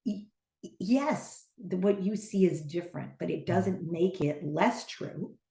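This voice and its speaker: Give me an older woman speaking earnestly as a guest, with a warm mellow voice in an echoey room. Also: on the low side, unhurried, vocal fry. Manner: earnest, reflective, with lively emphasis. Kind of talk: casual conversation.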